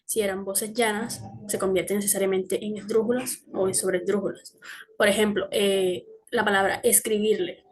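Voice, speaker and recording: A woman's voice: medium pitch, little pitch movement, normal speed. A young woman giving a class presentation, hesitant, with fillers and self-corrections. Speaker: student presenter.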